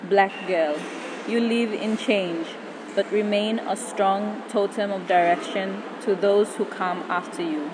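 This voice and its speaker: A woman's voice: medium pitch, steady tone, takes it slowly. Papua New Guinean woman reciting pidgin poetry, noisy recording.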